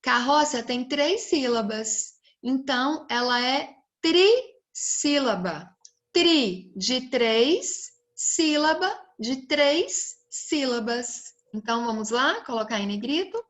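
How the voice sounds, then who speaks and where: Slow-spoken Brazilian woman teacher. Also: high-pitched, animated, a bit bright. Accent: Brazilian Portuguese. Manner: slow, stretched-out words and questions to the pupils. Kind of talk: recorded class lesson for children.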